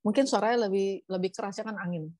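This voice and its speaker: A woman pastor from Indonesia giving a casual, chatty sermon, lively and acting out the story's lines. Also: mid-range voice, fast talker, dry recording. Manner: chatty, lively, acts out quotes. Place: church.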